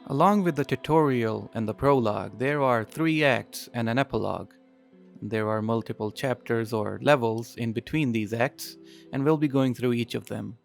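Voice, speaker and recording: A man's voice: mid-range voice, normal speed, vocal fry. A man narrating a scripted video essay as a game reviewer. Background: music.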